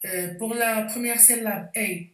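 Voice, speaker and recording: A woman teaching a spelling lesson, explaining slowly and carefully with frequent hesitations. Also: on the high side, a bit bright. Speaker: French teacher. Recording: echoey room, voice distant from mic.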